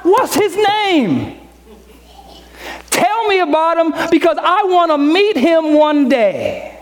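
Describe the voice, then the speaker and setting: An eager single girlfriend with a sassy, excited manner, as a woman preacher puts her on. The voice jumps far above the speaker's own, bright and breathless with anticipation. It is heard as a quoted bit inside a sermon. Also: very high-pitched, slow, in a large hall, pitched above the performer's own voice, exaggerated voice. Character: eager single woman hearing about a blind date.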